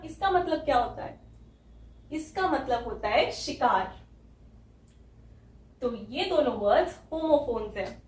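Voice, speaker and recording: A high-pitched woman teaching a class from some distance off the mic, her voice ringing in an echoey room. She goes slowly, repeats each word and throws questions back at her students. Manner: slow, repeats words and asks the class questions. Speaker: English teacher. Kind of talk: classroom lesson.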